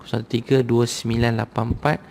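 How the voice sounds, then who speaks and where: Male Malaysian preacher, gravelly voice, urges the crowd in a loose, repetitive sermon style. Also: mid-range voice, level tone, fast talker, darkish tone, a little hiss or hum. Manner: conversational, repetitive, urging the crowd. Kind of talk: sermon to a live audience.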